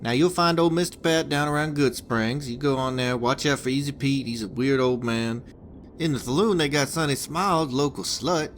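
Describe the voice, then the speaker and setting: A man's voice: mid-range voice, normal speed, slight background noise, natural voice. An actor playing a crude, rambling male hitman boss in a video game, talking in a profane, stammering flow full of restarts. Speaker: game character giving a hitman job.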